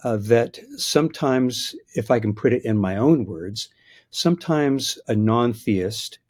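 Medium in pitch, slightly mellow and a little slow yet animated, the voice belongs to a biblical scholar in his sixties. He responds to interview questions with hesitant restarts and chuckles at his own remarks, thinking as he goes.

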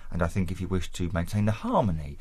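Southern English male interview guest: very low pitch, considered and erudite delivery, dry close sound. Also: big pitch swings, fast talker, mellow, breathy edge, no room sound. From Essex, England. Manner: articulate, considered, erudite phrasing. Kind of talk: conversational interview answers.

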